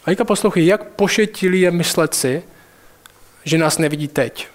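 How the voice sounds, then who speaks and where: A man with a notably high voice preaches a sermon. He speaks straight to his listeners with urgency, slowing down to drive home key phrases.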